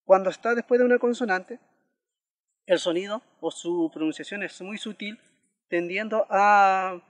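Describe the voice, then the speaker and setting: A man's voice: sits high, measured pace, long reverb tail. A man giving a language lesson, patiently repeating example words one by one and checking in with listeners, with frequent hesitations. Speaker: language teacher.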